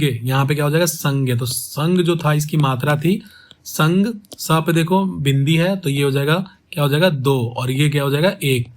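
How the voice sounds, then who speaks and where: A man teaching poetic meter, asking his students rhetorical questions and saying each word slowly to show how it is pronounced. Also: fairly high pitch. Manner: asks rhetorical questions and repeats words slowly to show pronunciation. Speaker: poetry teacher. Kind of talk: explaining step by step to students.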